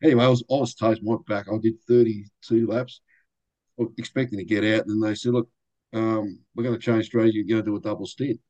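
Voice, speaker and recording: An older man, a racing driver guest, telling lively anecdotes and acting out quoted voices in a casual interview. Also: fairly low pitch, quick pace, low-quality recording.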